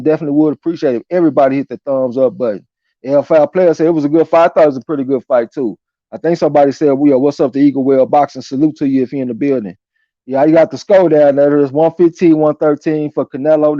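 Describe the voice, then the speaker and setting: A man's voice: fairly high pitch, fairly even intonation, quick pace, dry recording. A man hosting a live boxing stream in a casual, slangy and profane way, chatting through fight opinions and reading viewer comments aloud. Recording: dull lo-fi audio.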